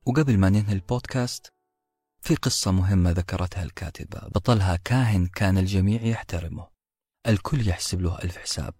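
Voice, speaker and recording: A man with a deep, slightly husky voice narrates a book-summary podcast in a reflective, storytelling manner, speaking directly to his listeners. The recording is dry and close, with soft music playing underneath. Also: fast, no echo. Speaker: podcast host.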